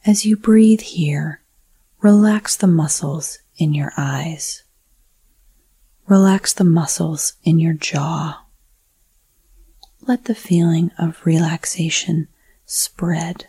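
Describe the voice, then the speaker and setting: A woman whispering a slow, soothing guided breathing meditation. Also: low-pitched, fairly even intonation, dark tone, breathy edge, dry recording.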